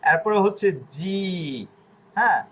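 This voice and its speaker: A man, teaching an online language lesson and repeating each letter sound slowly. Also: high voice, a bit bright.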